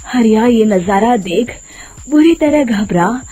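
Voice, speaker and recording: A woman's voice: fairly high pitch, animated, slow pace, dark tone, breathy edge, soft background music. A woman narrating a scripted moral story for children.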